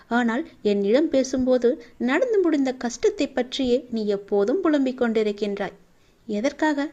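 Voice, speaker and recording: Devotional read: woman as a male god consoling a follower, slightly high, mellow tone, muffled lo-fi sound. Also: lightly acted. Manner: tender, reassuring, slow and preaching. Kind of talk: scripted devotional monologue.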